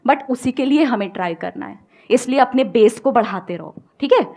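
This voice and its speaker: A woman's voice: on the high side, expressive, moderate pace, darkish tone. A woman speaking as a guest on stage, giving advice to an audience and explaining with everyday examples, mixing in English phrases. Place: stage before a live audience.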